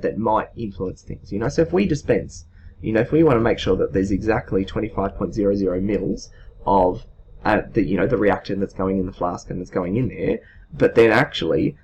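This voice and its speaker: A man in his thirties with a lowish, slightly mellow voice gives an informal, unscripted lesson, explaining things step by step like a teacher. He's a chemistry teacher and video host. The audio is muffled, with clearly audible background noise.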